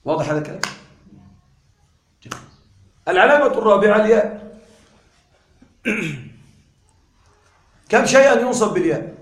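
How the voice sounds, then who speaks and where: A man with a high-pitched voice lectures a class on grammar, checking in with his students again and again and hammering each point home. The room adds a clear echo around him. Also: lively intonation. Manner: quizzes the class with frequent questions; repeats key points deliberately. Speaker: grammar teacher.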